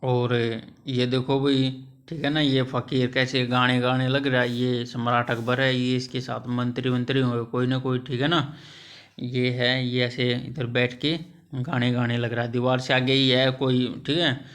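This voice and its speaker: Male tutor, slow and patient, bright tone, repeats and explains every phrase. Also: mid-range voice, flat delivery. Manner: slow and patient, repeats each phrase, many checking asides. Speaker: English teacher. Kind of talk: reading a story aloud and translating it line by line.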